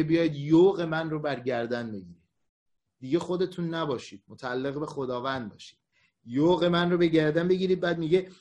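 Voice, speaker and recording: A male pastor giving a conversational online sermon, acting out the voices of people he quotes. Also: fairly high pitch. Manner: lively, acts out quoted voices.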